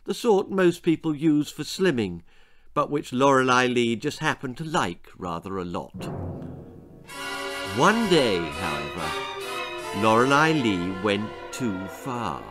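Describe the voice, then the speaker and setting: Soft music plays beneath a slow, very animated reading by a British author in his sixties. His medium-pitched, slightly bright voice relishes every grotesque detail of his children's story, delivered theatrically in a small book-lined room indoors.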